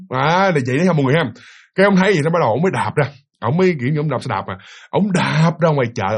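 A man telling a ghost story in casual spoken style, animated and addressing his listeners directly. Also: a little high, slightly rough.

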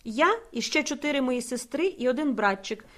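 A woman voicing a defiant middle-aged house owner who shouts back at intruders, in an audiobook. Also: high-pitched, lively intonation, normal speed. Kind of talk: audiobook character voice.

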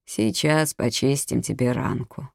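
An audiobook reader voicing a cold adult male killer who coaxes and threatens in a slow, low, soft voice. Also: creaky, dry recording, studio quality. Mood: coaxing. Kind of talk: audiobook character reading.

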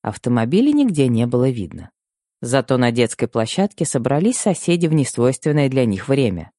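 A man reading a first-person story aloud as an audiobook narrator, with expressive storytelling. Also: medium pitch, fairly quick, no room sound, studio quality. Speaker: audiobook reader.

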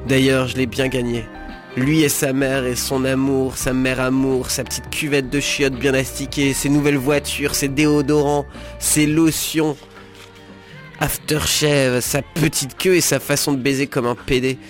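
A man's voice: mid-range voice, little pitch movement, unhurried, lightly acted. A weary, bitter woman with a drink in her hand, voiced by a male reader without much change. The lines come in a middling, level tone with little melody, and faint music sits underneath.

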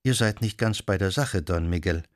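A man voicing a kindly, ailing older cardinal in an audiobook, speaking gently and with concern. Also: medium pitch, lively intonation, measured pace, no echo, clean studio sound, lightly acted.

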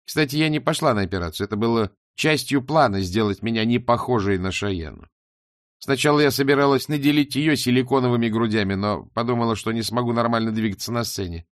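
A man voicing a bitter, scheming young woman singer who snaps, shouts and mocks in a storybook reading. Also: medium pitch, quick pace, no echo, clean studio sound, lightly acted. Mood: mocking. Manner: snapping, shouting, mocking.

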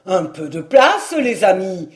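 Audiobook: reader doing a boastful country lad, loud, rough dialect. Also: mid-range voice, sing-song, slow. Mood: loud rustic. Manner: rustic dialect, loud exclamations. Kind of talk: audiobook reading.

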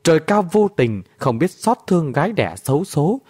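Male narrator as tough old woman fighter, gruff and commanding, lively swings in pitch. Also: moderate pace, dry recording. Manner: gruff, bossy, barking orders. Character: fierce old woman warrior, bitter and commanding.

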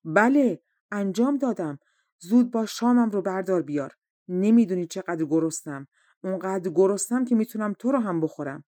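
A woman reading aloud the part of a hungry young prince who shouts his demands in anger. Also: mid-range voice, lively intonation, no room sound, clean studio sound, close to an everyday voice. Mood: angry.

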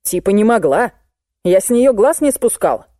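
A woman's voice: mid-range voice, lively intonation, moderate pace, mellow, dry recording, studio quality, lightly acted. A woman voicing a male patrol sergeant who grumbles and blusters in an audiobook.

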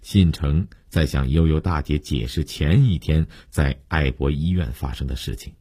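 A man narrating a serialized story in a steady, measured way. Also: extremely low pitch, slightly rough, no echo, clean studio sound.

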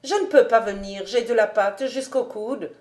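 A woman's voice: fairly high pitch, moderate pace, a little mellow, close to an everyday voice. Woman doing an old housekeeper calling out. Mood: cheerful. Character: old female housekeeper, busy, cheerful.

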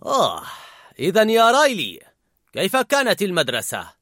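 A man's voice: high-pitched, huge pitch swings, normal speed, fairly bright tone, dry recording, studio quality, voice pushed up, exaggerated voice. Man doing a stern, scolding father. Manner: scolding, firm. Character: stern middle-aged father.

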